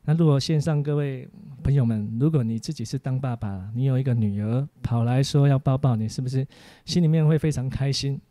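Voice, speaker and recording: A man, a preacher giving a teaching sermon for an online course, full of animated stories about his family. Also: medium pitch, a little fast, dry recording.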